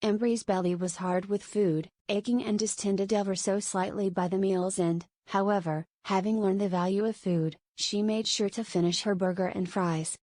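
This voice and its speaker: A woman narrating a novel as an audiobook in a steady, even reading. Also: mid-range voice, normal speed, hardly any pauses, no echo. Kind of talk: scripted narration.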